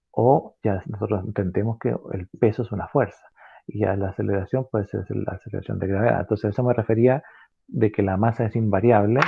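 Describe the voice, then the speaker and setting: A man with a lowish, creaky, husky voice gives an online physics lesson through narrow, tinny audio. He explains step by step in a halting way, with many fillers, self-corrections, and tag questions checking the class understands.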